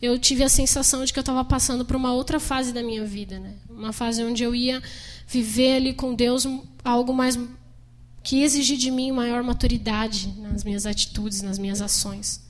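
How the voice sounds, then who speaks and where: High-voiced lively Brazilian woman preaching. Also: normal speed. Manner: lively storyteller, acts out dialogue, laughs often, frequent "né?". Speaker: missionary preacher. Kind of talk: storytelling sermon.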